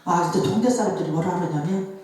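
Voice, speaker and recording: Female pastor, emotional storyteller, dark warm tone, roomy distant hall sound. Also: on the low side, fast talker. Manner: emotional storytelling, acting out voices of others. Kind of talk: sermon. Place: church revival hall. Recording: echoey hall, voice from far off.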